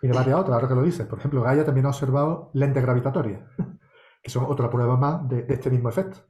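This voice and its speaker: A man's voice: medium pitch, fairly even intonation, fast, dark tone, echoey room, dull audio. A man from Spain answering course questions as an astronomy lecturer, meticulous and explanatory, often checking in with tag questions. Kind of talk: online course Q&A.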